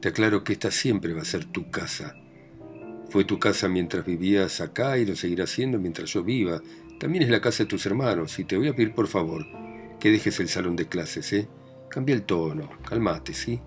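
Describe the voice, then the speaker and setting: A man's voice: deep voice, normal speed, soft background music, natural voice. A man with a Rioplatense accent voicing a domineering, meddling older mother in a read-aloud play. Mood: bossy, doting. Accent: Rioplatense Spanish. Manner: scolding, proud, meddling. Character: domineering aging mother of a grown family.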